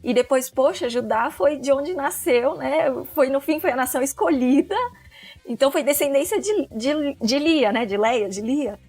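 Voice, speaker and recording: A woman's voice: high-pitched, moderate pace, darkish tone. A woman in her thirties, chatting casually as a podcast guest, laughing often and filling her talk with fillers. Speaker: podcast guest, book club member. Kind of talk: casual chat about a book.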